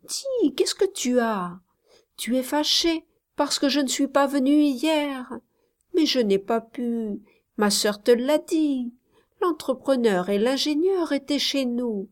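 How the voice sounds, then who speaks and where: Scared young village girl, soft, trembling, pleading, high voice, read by a woman, storybook reading. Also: animated, slow pace. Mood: frightened, pleading.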